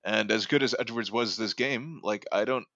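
A man's voice: fairly low pitch, moderate pace, gravelly, bright, forceful tone, no room sound, dull audio. A man co-hosting a casual sports podcast, talking in a rambling way with lots of fillers and restarts. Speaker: podcast co-host. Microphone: home podcast microphone.

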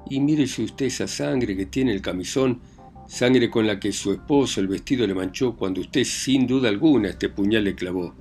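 A man's voice: lowish voice, normal speed, soft background music, natural voice. A man reading aloud plays a stern, bullying village magistrate who interrogates and barks orders. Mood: furious. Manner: interrogating, commanding, shouting.

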